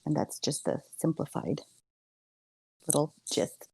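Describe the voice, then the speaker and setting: Giggly low-voiced woman guest. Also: expressive, unhurried, gravelly, a little mellow, husky, no echo. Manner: giggly, friendly, chatty. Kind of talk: casual chat.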